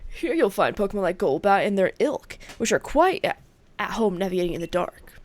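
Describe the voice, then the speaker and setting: A calm middle-aged train conductor from a video game, speaking steadily, read by a female streamer in her own voice. The reading is plain and even, with little put-on. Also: mid-range voice, a little fast, natural voice.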